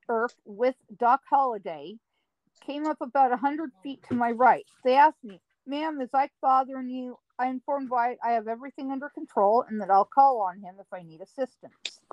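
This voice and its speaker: A woman guest telling a personal story in an interview, slow and dramatic with drawn-out emphasis. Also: on the high side, darkish tone, no room sound, low-quality recording. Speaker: guest recounting paranormal experiences.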